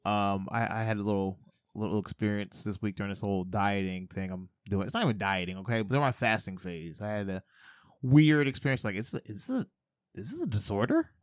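A man's voice: on the low side, lively intonation, brisk, no room sound, clean studio sound. A man co-hosting a casual chat podcast, rambling and joking with frequent stammered restarts. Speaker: podcast co-host.

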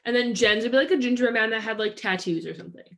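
A woman's voice: a little high, racing, creaky, a bit bright. A woman from Canada co-hosting a podcast, talking in an upbeat, chatty way with lots of "like". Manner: chatty, upbeat, heavy use of "like". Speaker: podcast co-host. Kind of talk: casual chat.

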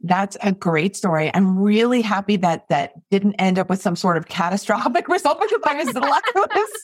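A woman's voice: medium pitch, sing-song, moderate pace, no room sound, clean studio sound. A woman hosting an interview who responds with affirming, encouraging remarks and easy laughter. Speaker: interviewer, host. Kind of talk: conversational interview.

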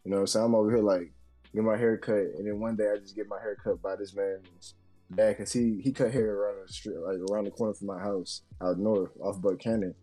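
A man's voice: lowish voice, steady tone, fairly quick, dark tone, soft background music. A young adult man co-hosting a podcast, telling a story in a loose, slangy, profane way full of fillers. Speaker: podcast co-host. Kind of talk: casual storytelling chat.

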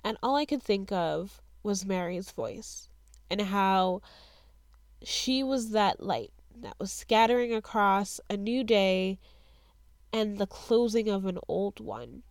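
A woman's voice: mid-range voice, no echo. A young woman hosting an emotional TV episode recap, speaking with passion and repeating phrases for emphasis.

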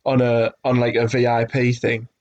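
A young man chats casually on a podcast. He tells stories with plenty of swearing, in a mid-pitched, everyday voice. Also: flat delivery, normal speed, a little mellow, lo-fi sound. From Middlesbrough, England. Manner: storytelling, swears freely. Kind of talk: casual chat.

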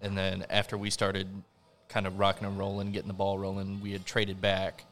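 A man's voice: low voice, monotone, a little fast, fairly bright tone. A man, a drummer guesting on a podcast, chatting casually with slangy, sweary phrasing. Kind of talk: casual chat.

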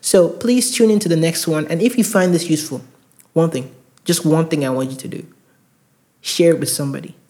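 Briskly and with a warm tone, a rather high-voiced man from outside the US hosts an advice podcast for premed students. The casual monologue is earnest and emphatic, full of repeated words for stress, recorded via a handheld recorder mic.

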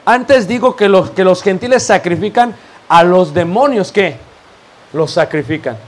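Brief: male preacher, high voice, animated sermon with rhetorical questions. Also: unhurried. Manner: lively preaching, rhetorical questions, addresses "hermanos".

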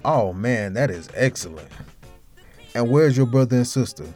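A man's voice: mid-range voice, expressive, normal speed, darkish tone, faint music behind, close to an everyday voice. An actor playing a blunt, guarded man who talks in slang in naturalistic drama dialogue. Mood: friendly, relaxed. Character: guarded, blunt man, protective of family, formerly jailed.

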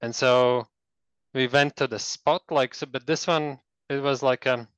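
A man's voice: mid-range voice, steady tone, unhurried, a bit bright, clear, resonant tone, dry recording, dull audio. A man from Latvia telling a story in a casual interview, rambling with many fillers and restarts. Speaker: guest.

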